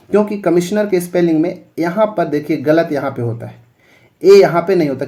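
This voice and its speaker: A man's voice: on the high side, mellow. A male teacher explaining English spellings for exam preparation, spelling words out letter by letter and checking in often.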